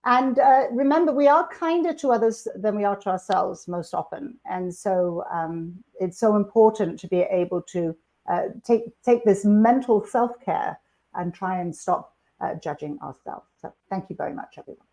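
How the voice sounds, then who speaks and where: A woman's voice: mid-range voice, moderate pace, dark tone. A woman presenting a live online workshop over a computer microphone, chatty and upbeat, with frequent fillers and restarts. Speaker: webinar presenter.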